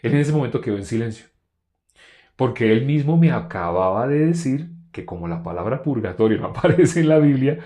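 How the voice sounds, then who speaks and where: A man preaching, telling a personal testimony in an animated storytelling way and loudly acting out what others said. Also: medium pitch, brisk. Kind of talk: testimony sermon.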